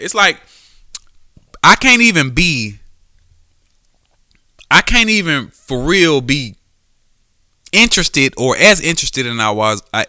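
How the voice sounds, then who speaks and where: A man with a medium-pitched, pushed, bright voice hosts a solo sports podcast, talking casually and with plenty of profanity while often restarting and correcting himself. He's a former quarterback, and the recording is dry with clean studio sound.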